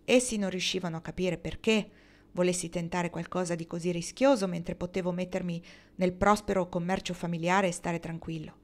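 A woman's voice: fairly low pitch, steady tone, fairly quick, lightly acted. Dwight, a stubborn builder read by a woman. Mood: resentful. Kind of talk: audiobook reading.

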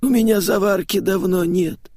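A man voicing a drunken, crude, hysterical middle-aged woman in an audiobook, with a husky, slurred, brash voice. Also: high-pitched, moderate pace, darkish tone, dry recording, clean studio sound. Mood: tearful, pleading. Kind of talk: audiobook character voice.

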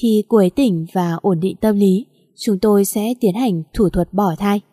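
A woman's voice: mid-range voice, normal speed, dark tone, breathy edge, dry recording, clean studio sound, natural voice. A woman voicing a young nurse making a formal, apologetic announcement.

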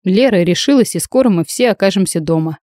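A woman's voice: mid-range voice, expressive, a little fast, warm tone, no echo, lightly acted. A woman reading a teasing male companion.

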